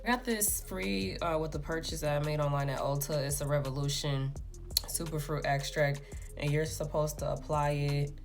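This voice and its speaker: A woman talking casually through a makeup tutorial, rambling with lots of fillers in a fairly monotone way. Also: sits low, moderate pace. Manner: rambling, filler-heavy, self-described monotone. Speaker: beauty vlogger. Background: background music.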